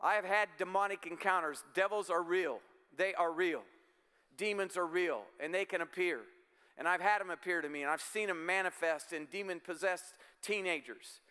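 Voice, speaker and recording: A middle-aged male pastor delivering an emphatic, exhorting sermon. His voice sits high for a man, bright and crisp, and it rings with the long reverb of a church hall. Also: normal speed. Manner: emphatic, exhorting with repeated calls.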